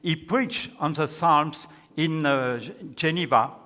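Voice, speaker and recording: Presenting a scholarly paper and answering questions, a French-accented male lecturer speaks slowly with deliberate, halting phrasing in a fairly high, bright, forceful voice. He is in a large, echoey hall with an audience, and the reverb lingers long.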